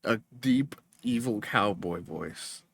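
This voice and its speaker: A woman's voice: very deep voice, animated, takes it slowly, a little hiss or hum. A woman streamer chatting casually while playing a game, playful and teasing. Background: game music.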